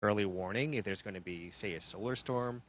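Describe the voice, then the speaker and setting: Lower-voiced man answering as an astronaut. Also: fairly quick, fairly bright tone, a little hiss or hum. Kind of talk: live question-and-answer downlink from a space station. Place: aboard a space station.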